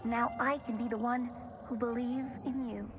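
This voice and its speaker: A woman's voice: a little high, fairly even intonation, moderate pace, soft background music, lightly acted. An actress voicing a kind, earnest female warbot robot in a video game, speaking formally without contractions. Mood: tender.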